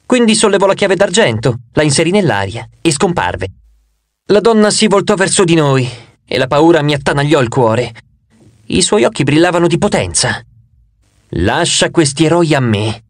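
Man, audiobook narration, expressive, lively pitch, fairly high voice, dry close recording. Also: normal speed, no echo. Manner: expressive, vivid storytelling. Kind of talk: scripted narration.

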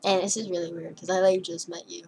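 A woman's voice: on the low side, level tone, fast, vocal fry, a crowd in the background, low-quality recording. A teenage girl recording a casual video message to a crush, giggly and nervous, rambling and swearing a lot. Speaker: vlogger. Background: faint music playing.

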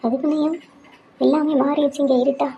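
A woman's voice: high-pitched, flat delivery, a little fast, vocal fry. A woman voicing a brave young woman who defiantly refuses help while searching for her sister, in a noisy recording. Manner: defiant, sharp.

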